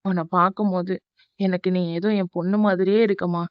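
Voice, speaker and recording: A woman's voice: lowish voice, flat delivery, brisk, clean tone, no echo, highs cut off, natural voice. Woman voicing a scheming, pleading cartoon aunt. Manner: pleading and emotionally pushy. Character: scheming middle-aged aunt, sweet to your face. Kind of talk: cartoon voice acting.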